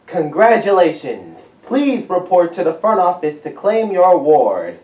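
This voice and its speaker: A young man reads out a prize winner over a school intercom, speaking slowly and formally. His voice sits fairly high and swings up and down a lot. It sounds distant and echoey, with faint music behind. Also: huge pitch swings, darkish tone, muffled recording. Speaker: student announcer.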